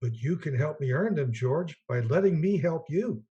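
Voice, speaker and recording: A man playing a gentle, eager, naive guardian angel in a radio play, earnest and quaintly polite, with a husky voice. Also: a little high, animated, moderate pace, muffled recording. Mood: kindly, eager. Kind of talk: 1940s-style radio play acting.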